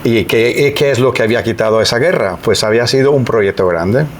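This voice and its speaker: A middle-aged man from the Veneto region of Italy, an EU civil servant, is a guest on a podcast, speaking Spanish with an Italian accent. He sounds reflective and hesitant, restarting often, with a mid-range voice at a fairly quick pace and slight hiss or hum in this podcast interview.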